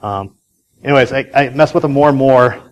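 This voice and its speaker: A man gives a casual conference talk, telling a story chattily with many fillers and restarts. His mid-range voice moves fairly quickly, and the recording quality is low.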